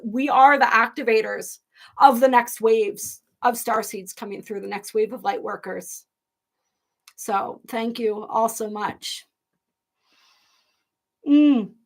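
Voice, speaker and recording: A woman hosting a live spiritual stream, talking casually and effusively to viewers, rambling with many restarts and at times near tears. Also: a little high. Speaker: host of a live astrology and tarot stream.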